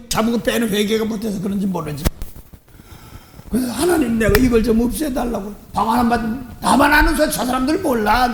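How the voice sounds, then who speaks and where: Male pastor, very high voice, echoey church room, faint hiss, lively storytelling, laughs at himself. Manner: animated storytelling, acting out voices; self-deprecating, laughs often. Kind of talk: dawn service sermon. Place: church sanctuary.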